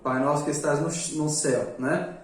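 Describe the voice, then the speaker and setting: A man teaching a live class, casual and joking, often tagging his points with a quick question. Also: fairly high pitch, fairly even intonation. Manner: joking, chatty, repeats "né?" often. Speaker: magic course teacher. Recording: echoey room, distant mic.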